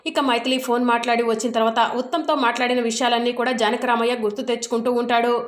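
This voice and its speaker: High-voiced woman retelling a serial. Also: quick pace, echoey room, a little hiss or hum. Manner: steady retelling with repeated names. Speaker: storyteller recapping a serial. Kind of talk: story narration.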